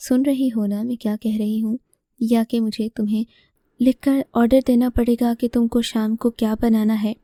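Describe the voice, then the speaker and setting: A woman's voice: on the high side, level tone, dark tone, no room sound, studio quality, natural voice. A woman voicing a harsh, scornful older mother-in-law in a told story, with a scolding, contemptuous manner.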